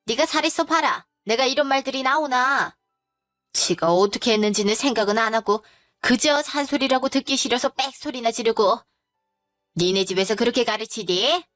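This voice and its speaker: A woman's voice: a little high, moderate pace, fairly bright tone, no room sound, clean studio sound, faint music behind, close to an everyday voice. A woman voicing a domineering older mother-in-law who scolds her young daughter-in-law with contempt, in a spoken story. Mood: scornful.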